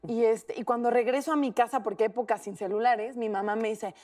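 A young woman with a Mexican accent tells a story on a talk show, lively and full of slang, acting out the lines of others. Her voice sits fairly high and sounds a little away from the mic. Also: a little fast, distant mic. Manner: animated, slangy, acts out quotes. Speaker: co-host.

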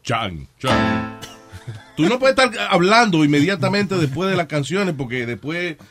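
A man's voice: sits high, fairly quick, soft background music. A man hosting a casual talk show, joking and mixing with English. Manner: joking, mixes Spanish and English, lively. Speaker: host.

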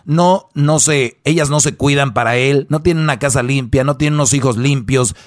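A man's voice: medium pitch, normal speed, no echo, studio quality. A man hosting a radio advice show, talking conversationally and opinionatedly, repeating points and posing rhetorical questions.

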